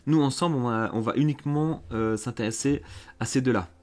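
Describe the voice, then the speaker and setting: A man teaching a lesson online, explaining step by step in a patient way, often pausing with fillers and restarting phrases. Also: mid-range voice, darkish tone, soft background music. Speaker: French teacher.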